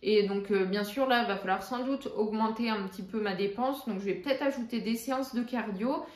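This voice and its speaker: A woman's voice: mid-range voice, brisk, reverberant. A young woman vlogging about her fitness routine, chatting casually with viewers and using lots of fillers. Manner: chatty, frequent fillers, addresses viewers directly. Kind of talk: casual explanatory vlog.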